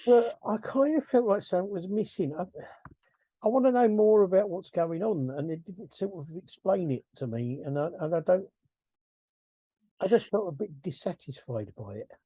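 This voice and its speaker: A man's voice: high-pitched, animated, normal speed, dark tone, slightly rough, no room sound. A middle-aged man hosting a casual film review podcast, rambling, chuckling and correcting himself as he goes. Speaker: podcast host.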